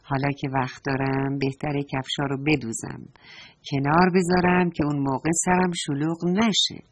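A woman voicing an old, gentle, hardworking lady ladybird in a children's story. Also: lowish voice. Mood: calm. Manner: soft, trembling when afraid.

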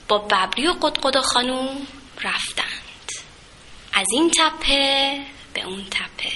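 A woman narrating a children's story in a gentle, lilting storytelling way. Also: high voice, slight background noise.

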